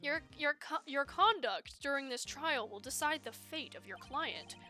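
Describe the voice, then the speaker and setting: A woman voicing a stern older male judge in a game playthrough, speaking formally and measured. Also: sits high, expressive, bright, forceful tone, soft background music, full character voice.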